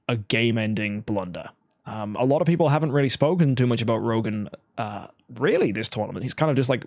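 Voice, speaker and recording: Excitable man casting an esports match. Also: medium pitch, no room sound, studio quality. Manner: excitable, shouts at big plays. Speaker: esports tournament caster. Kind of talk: live esports commentary.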